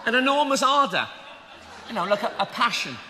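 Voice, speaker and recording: A man's voice: high-pitched, sing-song, measured pace, pushed and bright, a faint crowd, heavily acted. A man playing a bashful, hapless, lovesick young man in a stage pantomime, hesitant and over-earnest. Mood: bashful, ardent. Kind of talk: theatrical pantomime acting. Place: large theatre stage with audience. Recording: noisy live theatre recording, hall reverb.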